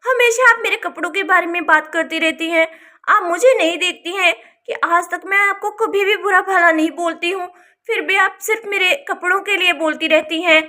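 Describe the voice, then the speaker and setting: A sulky young village girl voiced by a woman complains in a very high, bright voice. She is touchy and defiant. It is a doll-story voice, lightly acted. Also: normal speed. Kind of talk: Hindi doll-story voice acting.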